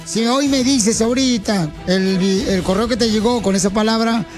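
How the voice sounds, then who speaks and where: A male radio host with a very high voice for a man, joking loudly and teasing his caller in slang. He talks from a studio, with faint music playing underneath. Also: normal speed. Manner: rowdy, teasing, heavy on slang.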